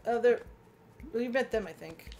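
A woman's voice: fairly high pitch, moderate pace, darkish tone. A woman co-hosting a let's play, chatting casually with giggly, playful banter. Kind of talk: casual gaming chat.

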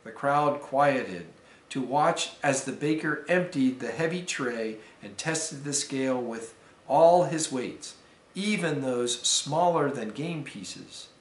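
A man, a deacon, reading a fable aloud to students in a careful, measured storytelling manner. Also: medium pitch, expressive. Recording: roomy echo.

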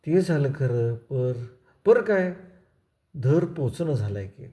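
A man's voice: medium pitch, sing-song, slow pace, mellow. A man voicing a timid, frightened young village man who speaks hesitantly in rustic speech.

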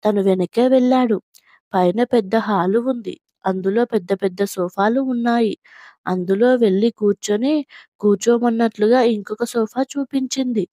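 Woman storyteller, scripted narration, steady, measured, slightly high voice, dry sound. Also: dry recording.

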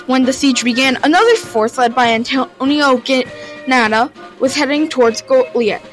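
A woman's voice: high voice, poor audio. A woman reading a history narration for her own video, informal and a little stumbling, with sudden upward jumps at each new turn in the story. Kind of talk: read-aloud history narration.

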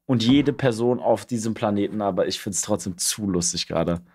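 A young man streaming, casually reacting to videos and breaking into high shrieking outbursts. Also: moderate pace, a little mellow. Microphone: studio mic on arm, headphones.

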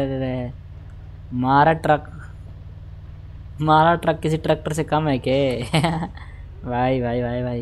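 A man doing live gameplay commentary, talking straight to his viewers, repeating words in quick bursts and humming la-la while he plays. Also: on the high side, slight background noise. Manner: excitable, repeats words in rapid bursts, hums la-la while playing; talks directly to viewers, asking for follows and shares. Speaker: gaming livestreamer.

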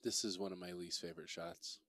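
A man giving relaxed, chatty commentary on a pool match, reading out viewer comments as he goes. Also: deep voice, a little fast, dry recording. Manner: easygoing, chatty, reads viewer chat aloud. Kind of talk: relaxed live play-by-play commentary.

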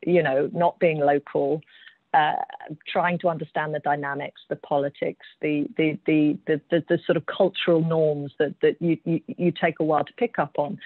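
A low-voiced woman from the United Kingdom with an English accent, a mining executive, speaks earnestly during a panel discussion held over video call, often repeating words as she thinks. The call audio is tinny and phone-like, with no echo.

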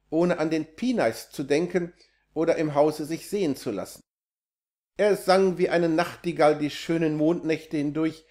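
Male reader for a classic fairy tale; measured, even storytelling, slightly raised pitch. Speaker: narrator. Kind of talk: scripted literary reading.

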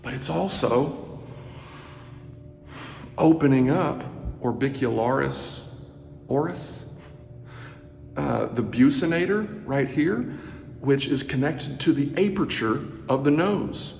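In an echoey, noisy indoor stairwell, a thirty-something movement instructor demonstrates while walking, recording himself on a phone at arm's length. His medium-pitched voice is creaky and darkish yet lively in intonation, and his slow, drawn-out delivery drops into near-whispered murmurs. Faint music plays behind him.

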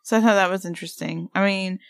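Woman, 30s, podcast co-host, excitable rambler, mid-pitched, dry booth sound. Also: quick pace, gravelly, no echo. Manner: rambling, filler-heavy, excitable. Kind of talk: casual podcast chat.

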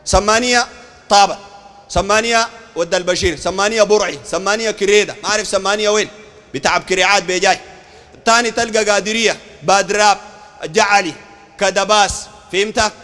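A man with a Sudanese Arabic accent preaching a street sermon, animated and throwing rhetorical questions at his listeners. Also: high-pitched, a little fast, in a large hall. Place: outdoor market.

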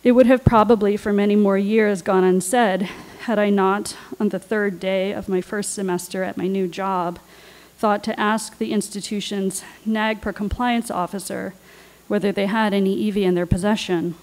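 A woman on a panel, reading her own personal essay aloud in a measured, deliberate way. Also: mid-range voice, steady tone, a little mellow, low-quality recording. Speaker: writer and panelist.

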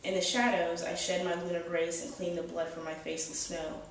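A young adult woman, an author, steadily reading her first-person dark fantasy aloud at a small cafe. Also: fairly low pitch, a little hiss or hum. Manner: steady, measured reading from the page. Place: small cafe with brick walls, indoors. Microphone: far camera, no close mic. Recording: very echoey cafe, mic far off.

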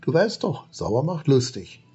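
A man's voice: medium pitch, very animated, measured pace, warm tone, breathy edge, dull audio, soft background music, pitched above the performer's own voice, exaggerated voice. A man voicing an eager, kind young boy who coaxes with questions in a storybook reading.

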